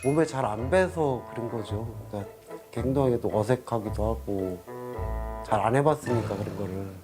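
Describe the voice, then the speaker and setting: A middle-aged husband in a counseling session, answering in short, hesitant, subdued replies. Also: male voice, on the low side, normal speed, over music.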